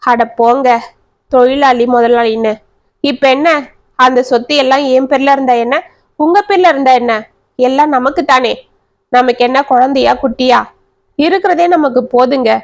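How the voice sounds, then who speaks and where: A woman's voice: high-pitched, moderate pace, pauses often. A woman voicing an anxious young wife. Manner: anxious, pleading. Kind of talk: storybook narration.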